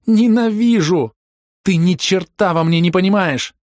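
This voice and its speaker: A man voicing a wild, desperate young woman in an audiobook, shrill and taunting. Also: very animated, moderate pace, slightly rough, no room sound, studio quality. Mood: furious shouting. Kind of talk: audiobook reading.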